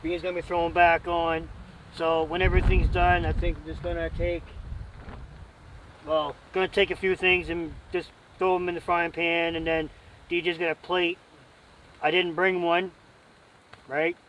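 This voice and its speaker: A man's voice: on the high side, flat delivery, moderate pace, long pauses, fairly bright tone, distant mic, slight background noise, poor audio. A man hosting a camping vlog, chatting casually to camera and a friend in a rambling, joking, folksy way.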